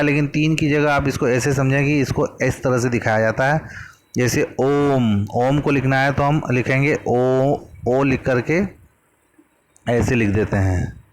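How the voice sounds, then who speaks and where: A man teaching a grammar lesson from a worksheet, patiently explaining and drawing out vowel sounds as examples. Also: mid-range voice.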